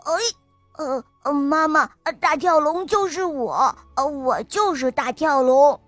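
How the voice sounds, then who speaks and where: A woman voicing a little boy frog who pretends to be a scary monster, with gruff mock-threatening growls. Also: high voice, animated, a little slow, fairly bright tone, no room sound. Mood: sheepish. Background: faint music.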